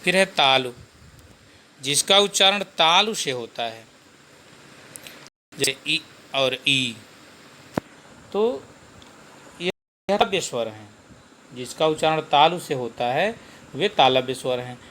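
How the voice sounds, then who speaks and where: A man giving a Hindi grammar lesson, slow and repetitive, posing questions to the class and answering them himself. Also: fairly high pitch, lively intonation, background noise.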